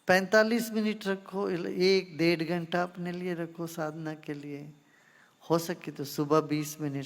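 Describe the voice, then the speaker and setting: A man acting as a spiritual teacher, answering questions in an unhurried, gently teasing way and addressing listeners informally. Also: a little high, long reverb tail. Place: ashram gathering.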